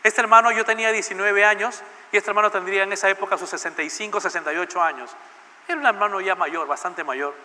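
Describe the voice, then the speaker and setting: A man's voice: sits high, steady tone, fast talker, pushed and bright. A male pastor telling a personal story in a sermon and putting questions to the congregation, in a church with a long echo. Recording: church hall with long reverb.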